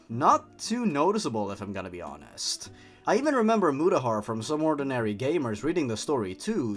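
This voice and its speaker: A non-native English-speaking man hosts scripted commentary, reading and reviewing horror stories expressively and tossing in sardonic asides. His voice is slightly high, and music plays behind him.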